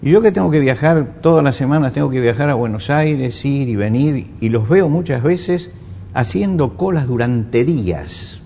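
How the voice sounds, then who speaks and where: A man's voice: mid-range voice, lively intonation, normal speed, gravelly, warm tone. Argentine guy preaching, emphatic, repeats himself, faint room hum behind. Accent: Argentine Spanish. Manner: emphatic, rhetorical questions, repeats phrases. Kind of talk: sermon. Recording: echoey hall with faint ambience.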